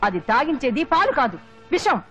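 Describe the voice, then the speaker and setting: An actress playing a scheming older mother-in-law, shrill, wailing and venomous, in a melodramatic film. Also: sing-song, a little fast. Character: scheming older woman, bitter and theatrical. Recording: dull lo-fi film soundtrack with music.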